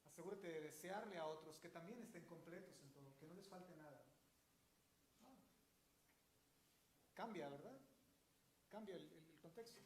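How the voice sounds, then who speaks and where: High-voiced pastor preaching. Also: male voice, normal speed, pauses often, echoey room, a little hiss or hum. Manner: emphatic preaching, explains Hebrew words. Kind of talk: sermon. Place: church sanctuary.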